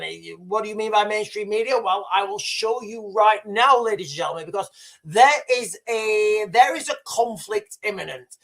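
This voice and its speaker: A British man in his forties hosts a casual livestream, rambling, repeating himself and addressing viewers as "guys." His voice is high-pitched with a fairly bright tone.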